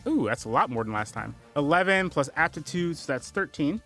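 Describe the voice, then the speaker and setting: A man playing a tabletop game who talks with a lively, animated swing in his voice. His tone is bright and slightly higher than most men's, with faint music behind him. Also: a little fast. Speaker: player.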